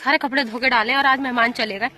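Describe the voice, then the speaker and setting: Chatty high-voiced young woman vlogger. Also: steady tone, fast, sharp tone. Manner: chatty, giggly, addresses viewers as guys. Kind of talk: casual vlog chat outdoors. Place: outdoors in fields, rural. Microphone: phone camera.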